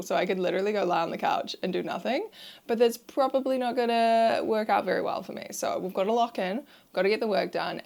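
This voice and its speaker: A woman's voice: medium pitch, vocal fry. A young woman chatting candidly to camera in a casual vlog about her work, talking in a chatty, self-deprecating way into a clip-on mic. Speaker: social media manager vlogger. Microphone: wireless clip-on mic.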